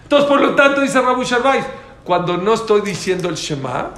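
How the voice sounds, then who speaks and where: Teaching a religious class, this man has a high, animated voice with a fairly bright tone and a moderate pace. He drives his key points home through repetition and responds directly to students' questions, in a roomy recording with faint background noise.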